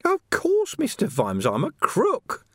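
A man performs a full character voice, pitched above his own, for a sly, cheerful male criminal who mocks, wheedles, and laughs often. The voice is high, with wildly swooping pitch and a slow pace, in a wheedling mood. The studio sound is clean, with no room sound.

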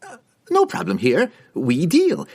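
A man's voice: a little high, huge pitch swings, measured pace, a little mellow, slightly rough, voice pushed up, full character voice. A man voicing a nervous, fawning merchant in an audiobook; he stammers, giggles and speaks in broken grammar.

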